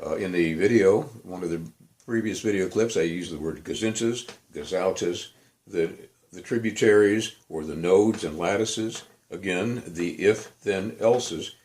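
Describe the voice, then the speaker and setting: A man's voice: low voice, measured pace, darkish tone. An older man giving a rambling, emphatic complaint monologue for his video blog, often correcting himself mid-sentence. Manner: digressive, self-correcting, emphatic. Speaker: video blogger.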